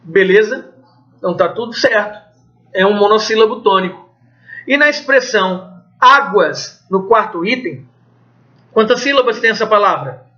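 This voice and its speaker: A Brazilian Portuguese teacher with a very high, bright voice drills his class through an exam review. He throws questions out and answers them himself in a loose, conversational way, cursing now and then. The recording sounds dull and lo-fi. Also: animated, moderate pace, pauses often. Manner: swears casually.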